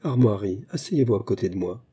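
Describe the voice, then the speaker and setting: Flighty young princess in a storybook reading, whimsical and chattering, as a man reads her, husky low voice. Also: expressive, brisk, mellow.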